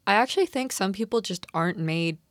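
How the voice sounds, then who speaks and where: Speaking fast and expressively in a mid-range voice, this young Canadian woman is recorded dry with clean studio sound. She's a podcast co-host in a casual chat about a TV drama, informal, slangy, and emphatic.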